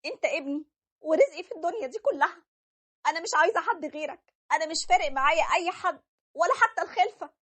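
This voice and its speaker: A woman voicing an older, protective mother, shrill and pleading, with an Egyptian accent. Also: expressive, fast, fairly bright tone. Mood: distraught. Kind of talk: animated story voice acting.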